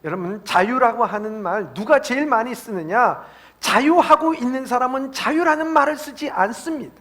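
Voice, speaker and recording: Male pastor, high-pitched and emphatic, delivering a sermon. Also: expressive, moderate pace, sharp tone. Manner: emphatic, climbs high on stressed phrases.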